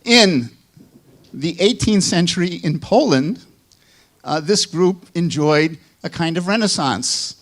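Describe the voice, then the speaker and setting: An older man with a Chicago accent giving a measured academic lecture, with small asides. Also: on the high side. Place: lecture hall.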